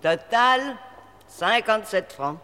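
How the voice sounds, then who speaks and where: A sly, sugary innkeeper wife. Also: male voice, high voice, animated, slow pace, pushed and bright, clean tone, exaggerated voice. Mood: calculating. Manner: falsely friendly, then haggling. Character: scheming female innkeeper, sweet-talking and greedy. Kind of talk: audio drama acting. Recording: hall reverb with faint noise.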